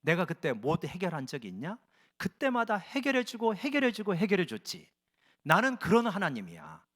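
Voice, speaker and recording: A man's voice: sits high, wildly swooping pitch, normal speed, a bit bright, full character voice. A man voicing God as a stern father who scolds his people with pointed questions, within a sermon. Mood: reproachful.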